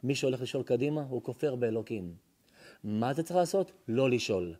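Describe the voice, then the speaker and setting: A rabbi with an Israeli accent giving a dramatic sermon, telling stories and swinging from hushed tones to shouting. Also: male voice, medium pitch, lively intonation. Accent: Israeli Hebrew. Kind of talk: sermon with storytelling. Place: synagogue or lecture hall.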